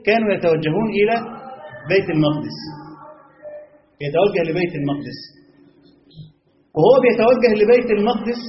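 High-voiced Egyptian man teaching a lesson. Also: roomy sound, highs cut off, a little hiss or hum. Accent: Egyptian Arabic. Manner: explains in colloquial Egyptian mixed with classical Arabic; rhetorical questions, stretched emphasis. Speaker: Quran commentary teacher. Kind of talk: religious lesson.

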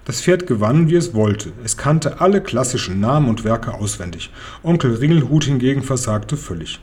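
A man reading a children's novel aloud in a lively storytelling manner. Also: mid-range voice, moderate pace. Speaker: reader.

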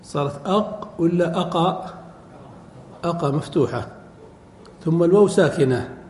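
A middle-aged man teaching Arabic word forms in a classroom lecture, quizzing his students and repeating each form slowly. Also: fairly high pitch, darkish tone. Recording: echoey hall recording, faint background noise.

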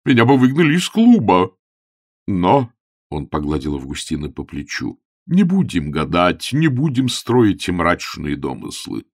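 A man voicing a timid, fussy elderly bishop who speaks slowly and plaintively. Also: low voice, wildly swooping pitch, slightly rough, dry recording, studio quality, exaggerated voice. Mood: relieved. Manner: slow, plaintive and pleading.

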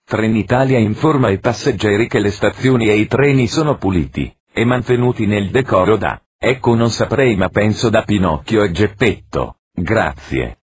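A man reading parody train station announcements in a formal, deadpan announcer manner. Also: fairly low pitch, moderate pace, hardly any pauses, slight background noise. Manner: formal announcer delivery with deadpan absurd jokes.

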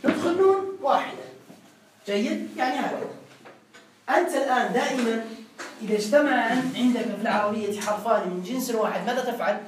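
Fast-talking male grammar teacher, roomy classroom. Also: very high-pitched, recorded from a distance. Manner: explains step by step, quizzing students. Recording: roomy classroom with faint noise.

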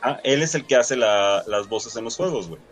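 A man's voice: medium pitch, expressive, moderate pace, poor audio. A man with a Mexican accent hosting a casual film discussion, slangy and mock-dramatic when he rants. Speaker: podcast host.

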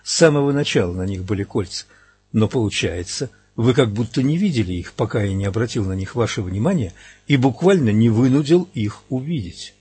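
A man's voice: mid-range voice, lively intonation, a little fast, a little mellow, husky, no room sound. A man reading an audiobook, voicing a blunt, earnest young man who speaks in a pressing, emphatic way. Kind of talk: audiobook character voice.

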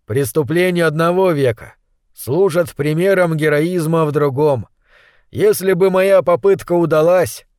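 A man's voice: on the high side, clean tone, no room sound, studio quality, lightly acted. Man reading as a bitter exile from the future. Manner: insistent, then quiet and bitter. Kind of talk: audiobook reading.

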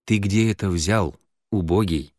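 A man reading an audiobook, voicing a calm, sardonic man who questions others dryly. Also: sits low, unhurried, no room sound. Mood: cool. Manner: dry, calm, mocking. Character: cool, sardonic man, interrogating calmly.

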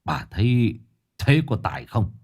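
A man voicing an anxious older wealthy landlord who speaks to his wife in a hushed, confiding way. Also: deep voice, very animated, normal speed, pitched below the performer's own voice, exaggerated voice.

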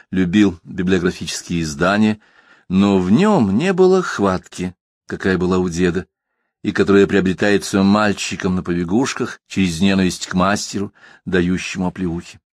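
Low-voiced guy reading a novel, dry close sound, takes his time and rises and falls a lot. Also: darkish tone, no room sound. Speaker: audiobook narrator. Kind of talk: literary audiobook narration.

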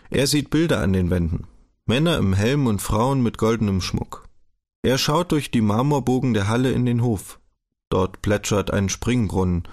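A man narrating a historical novel for an audiobook, his delivery measured and steady. His voice sits on the lower side. The reading stays even and unhurried.

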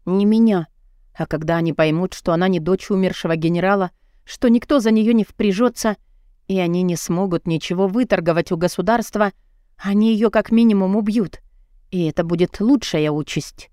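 A woman's voice: mid-range voice, warm tone, no echo. Female audiobook reader, emotional first-person delivery, dry close mic. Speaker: audiobook narrator.

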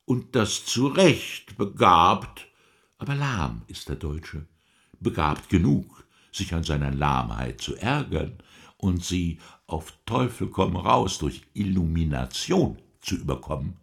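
An actor playing the Devil as a sly, mocking, smooth-talking tempter in a radio drama, theatrical and insinuating. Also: male voice, low voice, sing-song, slow pace, a bit bright, full character voice. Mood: taunting. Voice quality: husky, breathy, creaky. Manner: theatrical, insinuating, wordy with mannered archaic phrases.

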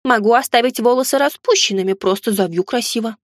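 A woman doing a fussy excitable fairy spirit. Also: a little high, fast talker, no echo, clean studio sound, lightly acted. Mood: chirpy. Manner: excitable, theatrical. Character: fussy chatty female fairy house spirit.

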